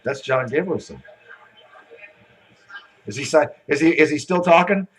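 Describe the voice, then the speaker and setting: A man's voice: a little high, animated, a little slow, poor audio. A man emceeing a conference on stage, telling rambling jokes before introducing the next speaker. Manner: joking, rambling storyteller.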